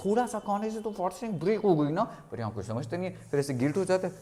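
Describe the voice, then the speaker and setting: A young man talking casually in a vlog, animated, mixing Hindi and English and acting out quotes. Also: sits high, quick pace. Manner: animated, mixes Hindi and English, exaggerated quoting. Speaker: vlogger.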